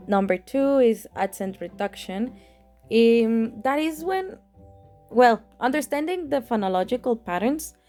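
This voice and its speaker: A woman's voice: mid-range voice, a little mellow. A woman gives a classroom presentation on phonology, explaining with frequent ums and restarts.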